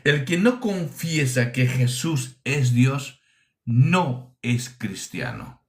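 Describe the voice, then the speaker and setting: A man's voice: medium pitch, very animated, extremely slow. A man from preaching a teaching sermon, emphatic, asking rhetorical questions and repeating his phrases.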